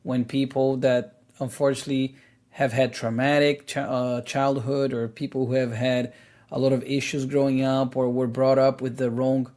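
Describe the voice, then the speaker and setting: Speaking at medium pitch and normal speed with a flat delivery and a darkish tone, a man in his thirties co-hosts a laid-back spiritual podcast. His explanations are earnest and packed with fillers such as "you know" and "like."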